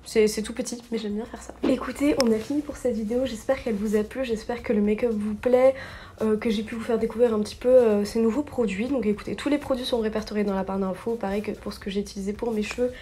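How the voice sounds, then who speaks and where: A woman's voice: fairly high pitch, steady tone, fast talker, dark tone, a little hiss or hum. A young woman narrating her makeup step by step in a casual vlog, chatty and full of little fillers and self-corrections. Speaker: beauty vlogger.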